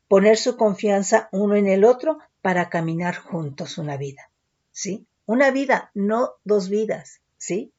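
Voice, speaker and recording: A woman preaching a sermon in a warm, mellow voice. She teaches steadily and keeps checking in with her listeners. The recording sounds dull and lo-fi. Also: mid-range voice. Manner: teaching, frequent tag questions.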